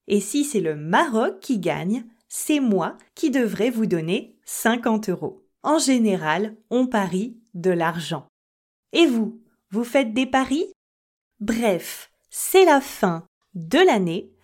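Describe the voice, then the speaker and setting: A woman hosting a French-learning podcast, explaining things slowly and clearly and putting questions and examples directly to her listeners. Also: on the high side, a little mellow. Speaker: French teacher and podcast host.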